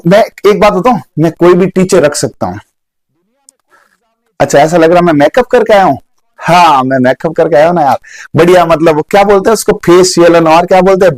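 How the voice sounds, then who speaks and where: Lively high-voiced teacher. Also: male voice, dry recording, low-quality recording. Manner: animated, jokey, chats with viewers' comments. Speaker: online exam-prep teacher. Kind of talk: live online class with mnemonics.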